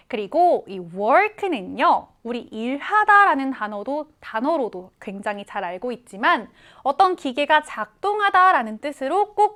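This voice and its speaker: This English vocabulary lesson is led by a woman whose voice sits high with a fairly bright tone. She takes each word slowly and clearly, repeating the example readings for her students.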